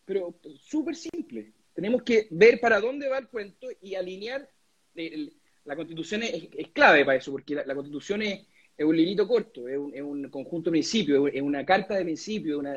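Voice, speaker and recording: A young Chilean man with a high, slightly husky voice answers interview questions in earnest, often stumbling and repeating words as he builds his point. The recording sounds dull and lo-fi. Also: lively intonation, brisk. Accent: Chilean Spanish. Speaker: lawyer and constituent assembly candidate being interviewed.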